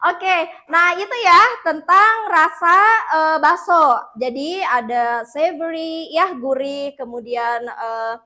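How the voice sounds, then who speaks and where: A woman teaching an English lesson in a classroom, mixing two languages and leading slow repeat-after-me drills. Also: high voice, bright, forceful tone.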